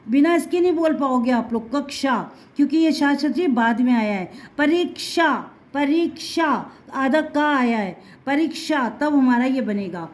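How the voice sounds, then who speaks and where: A woman's voice: high voice, darkish tone. A woman teaching Hindi letters to children, patiently repeating each sound and mixing in words.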